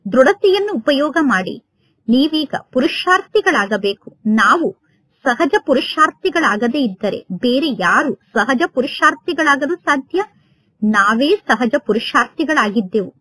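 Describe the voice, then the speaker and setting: A woman reading a devotional sermon in a measured, repetitive, exhorting way, as a spiritual teacher. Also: high-pitched, breathy edge, no room sound.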